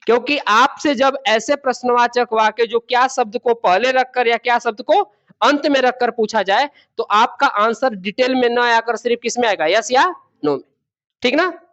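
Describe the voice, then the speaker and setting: A man's voice: very high voice, moderate pace, fairly bright tone. A male teacher gives a classroom grammar lesson, asking the class questions and repeating key words. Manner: addresses students as babu and beta. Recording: dull lo-fi sound.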